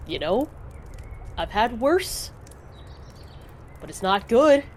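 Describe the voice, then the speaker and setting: A woman's voice: fairly high pitch, big pitch swings, slow pace, a little mellow, slight background noise. A woman voicing a huge, laid-back young Goliath man with a lazy stoner drawl in a tabletop game.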